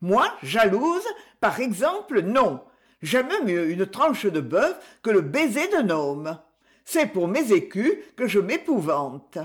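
A woman voicing a talkative, jealous village washerwoman who speaks in a shrill, quick-tongued way. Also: big pitch swings. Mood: teasing.

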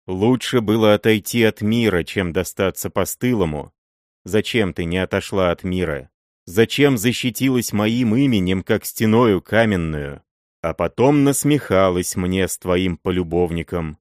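Обманутый пожилой муж-боярин в исполнении мужчины, сдержанный и ледяной. Голос низкий, запись сухая, без эха, как у чтеца аудиокниги. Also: male voice, low voice, animated, a little mellow, no echo, clean studio sound. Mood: горький укор. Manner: bitter, cold, measured reproach. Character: stern old boyar, jealous betrayed husband.

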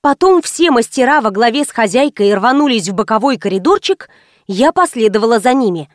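A woman narrating a first-person audiobook in a wry, lively storytelling manner. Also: fairly high pitch, a little fast, no room sound, studio quality.

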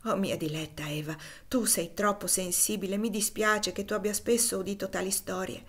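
A woman voicing a devoted, tender middle-aged father in an audiobook reading, gentle and soothing. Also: medium pitch, steady tone, moderate pace, husky.

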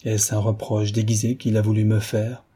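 A man's voice: on the low side, monotone, moderate pace, mellow, husky. A man doing an uneasy young wife's thoughts. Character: unsettled young married woman.

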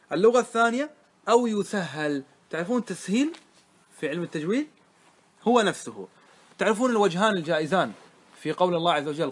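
A man teaching a classroom grammar lesson, explaining step by step and often asking his listeners if it is clear. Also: on the high side. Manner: asks the class questions and answers them himself.

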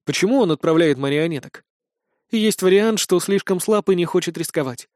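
A man voicing a fiery young woman with godlike powers in a storybook reading, with a sharp, heated delivery. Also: high-pitched, normal speed, dry recording, studio quality, lightly acted. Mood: worried.

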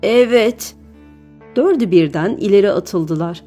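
Woman narrator, mid pitch, even storybook reading over faint music. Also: moderate pace. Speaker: audiobook narrator.

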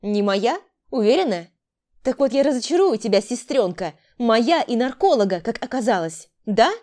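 A woman's voice: on the high side, expressive, moderate pace, dark tone, voice pushed up, close to an everyday voice. Woman doing a stern, commanding older sister. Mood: accusing. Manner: commanding, interrogating.

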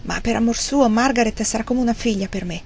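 A woman reading the lines of a wry, grieving old gentleman in an audiobook, with a rambling, self-mocking manner. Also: on the high side, brisk, creaky, slight background noise, voice pushed up.

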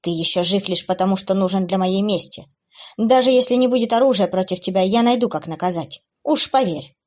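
A woman's voice: medium pitch, fairly quick, darkish tone, natural voice. A woman voicing a cruel, playful female demoness who taunts her captive in a raised, sing-song voice for an audiobook. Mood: gloating.

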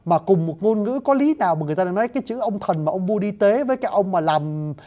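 A man's voice: high-pitched, lively intonation, fast talker, warm tone. A man giving a spoken lecture on classical poetry, explaining it word by word and often addressing his listeners politely, with hesitant fillers.

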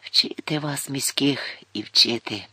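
A man voicing a gruff, mocking older forester who looks down on city folk. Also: medium pitch, takes it slowly, bright, forceful tone, no room sound, exaggerated voice. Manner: grumbling, scornful, folksy.

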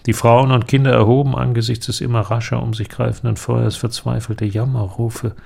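The voice belongs to an actor cast as a middle-aged inventor, thoughtful and sombre, in a literary audio drama. He speaks with measured deliberation in a creaky, mellow, mid-range male voice.

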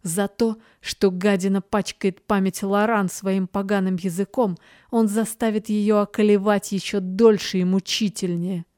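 A woman reads a dark fantasy story aloud in a steady, measured way. Her pitch is middling for a woman. The recording is dry and close with no room sound. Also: no room sound. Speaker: audiobook narrator. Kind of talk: scripted fantasy narration.

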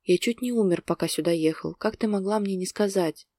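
A woman's voice: mid-range voice, brisk, dark tone, no room sound, clean studio sound, natural voice. A woman reading the lines of a restrained man who is torn up with emotion, speaking tense and urgent in a storybook reading. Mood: anguished. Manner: tense, urgent, speaking through gritted teeth. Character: distraught adult man, restrained but emotional lover.

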